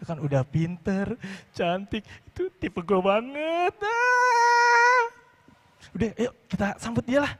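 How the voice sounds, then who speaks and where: Guy doing a smitten young museum dude, high voice, eager n stumbling, echoey stage skit. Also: big pitch swings, unhurried, hardly any pauses, heavily acted. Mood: smitten, excited. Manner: eager, stumbling, casual slang. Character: excitable, lovestruck young male museum worker. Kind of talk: live comic skit. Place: event stage with audience. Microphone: handheld microphone. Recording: echoey hall through stage PA.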